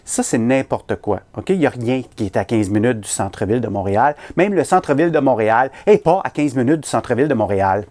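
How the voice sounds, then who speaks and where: Man, Québécois French accent, comic storyteller, lively pitch, self-mocking, conversational. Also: fast talker, few pauses. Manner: animated, punchline-driven, self-mocking. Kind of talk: comedic storytelling performance.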